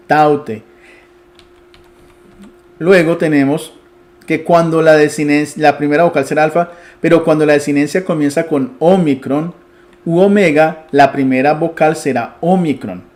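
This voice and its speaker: A man's voice: fairly high pitch, a little mellow. A man giving an online Bible Greek grammar lesson, explaining step by step and checking in with his students. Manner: explains patiently, restarts and asks "¿sí?".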